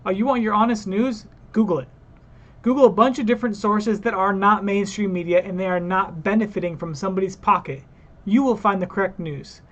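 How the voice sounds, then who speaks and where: Ranting man, high voice, muffled sound. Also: fairly quick, a bit bright. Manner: heated, ranting, talks to viewers. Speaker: reaction video host. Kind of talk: casual reaction commentary.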